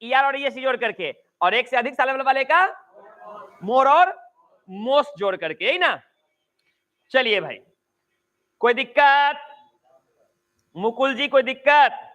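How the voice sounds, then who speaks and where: A male English grammar teacher with a Bihari Hindi accent, giving an online class lecture, drawing out and repeating key phrases slowly and chatting with students between points. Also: very high-pitched, sharp tone, muffled recording. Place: coaching class at home.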